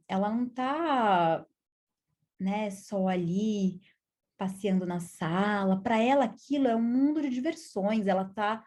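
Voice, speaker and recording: Brazilian woman in her 30s, child psychologist, calm teaching tone, mid-pitched voice, checks in with the listener often. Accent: Brazilian Portuguese. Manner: calm, explanatory, frequent tag questions. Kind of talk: educational video lesson.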